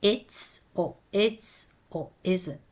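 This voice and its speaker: Woman teacher, very slow and measured, low-pitched voice, spells words out letter by letter. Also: a little mellow. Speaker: English teacher. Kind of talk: slow, careful pronunciation lesson.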